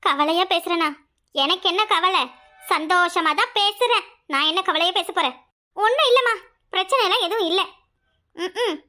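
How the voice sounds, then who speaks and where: A woman's voice: very high-pitched, normal speed, long pauses, pushed and bright, faint music behind. A woman with a southern Tamil village dialect voicing a sly young newlywed who complains in a teary, sing-song way in a cartoon. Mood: self-pitying. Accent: southern Tamil Nadu village dialect. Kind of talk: cartoon voice acting.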